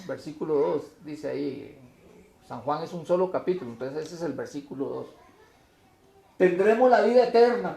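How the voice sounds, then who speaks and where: High gravelly preacher in an echoey hall. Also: male voice. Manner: emphatic, rising to loud declamation when reading scripture. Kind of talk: sermon.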